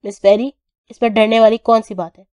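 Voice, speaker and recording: A cruel young crime boss, clipped and commanding, who teases as often as he threatens, put on by a woman reading an audio novel. The voice sits somewhat high, with a warm, mellow tone. The storybook reading is dry and close. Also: fairly even intonation, no room sound, natural voice. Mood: teasing. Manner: stern, clipped, louder than the narration. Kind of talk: audio novel character voicing.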